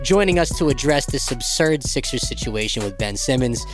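A man's voice: mid-range voice, animated, normal speed, soft background music. A man co-hosting a sports talk show, introducing a guest and chatting casually. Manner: conversational, laughs along. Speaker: co-host.

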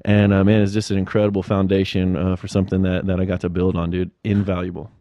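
A man's voice: sits low, little pitch movement, fast, mellow, dry recording, clean studio sound. A man, a teacher and guest on the show, talking earnestly and casually, often saying "dude" and "man.". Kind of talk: casual conversation.

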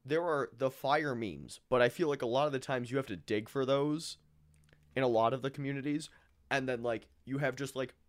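Man speaking slowly in blunt casual chat. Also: mid-range voice. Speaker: podcast co-host.

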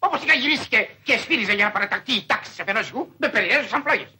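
An actor playing a flustered, indignant male schoolteacher in an old film comedy, shrill and pleading. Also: animated, bright, forceful tone, a little hiss or hum, heavily acted. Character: flustered indignant male schoolteacher, fussing over burnt suit. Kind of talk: 1950s Greek film comedy acting.

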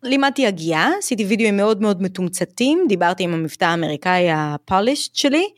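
A woman's voice: mid-range voice, lively intonation, no room sound, studio quality. A woman from Israel, an English teacher and YouTuber, speaking as a guest in a podcast conversation, reflective and frank, dropping English phrases into her talk.

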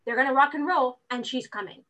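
Heard through a low-quality recording, a woman speaks at a fairly quick clip in a high-pitched voice. As a guest in a casual interview, the real estate recruiter brings lots of energy and acts out the exchanges she retells.

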